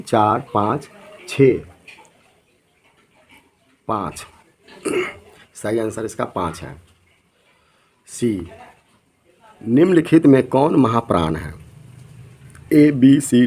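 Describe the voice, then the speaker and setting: Slow-speaking male quiz teacher. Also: mid-range voice, darkish tone, breathy edge, low-quality recording. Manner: reads each question and options, then gives the answer. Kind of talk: exam quiz lesson.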